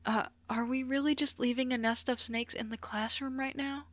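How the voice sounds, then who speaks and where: A woman's voice: high-pitched, fairly even intonation, normal speed, no echo, pitched above the performer's own voice, natural voice. A woman voicing a nervous teenage girl who yelps and asks things frantically in a storybook reading. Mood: frantic. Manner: frantic, yelping.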